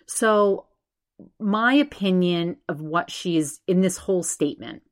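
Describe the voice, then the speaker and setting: Her voice lowish and her speech slow, a woman in her forties hosts a podcast on her own. She rambles in a chatty, animated manner and addresses her subscribers head-on.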